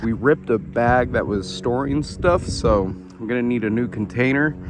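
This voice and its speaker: Male vlogger, relaxed and chatty, mid-range voice, filler-heavy, outdoor parking lot with faint noise. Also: mid-range voice, moderate pace. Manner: laid-back, chatty, lots of fillers. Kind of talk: casual vlog.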